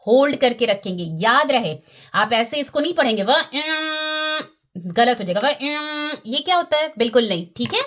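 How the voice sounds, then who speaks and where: A woman's voice: fairly high pitch, sing-song, a little fast, a bit bright. A woman teaching Quran recitation in a patient lesson, often checking that her listeners follow and demonstrating the sounds herself.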